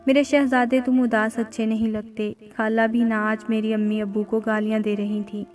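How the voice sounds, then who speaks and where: A woman's voice: a little high, flat delivery, moderate pace, darkish tone, soft background music, lightly acted. A woman voicing a loving young wife who speaks in a tender, pleading way.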